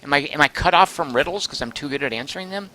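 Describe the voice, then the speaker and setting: Guy streaming a game, super animated voice all over the place, bright and a bit sharp, chatty, close mic. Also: a little high, fast. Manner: chatty, excitable, thinks aloud and reads chat. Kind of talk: live gameplay commentary.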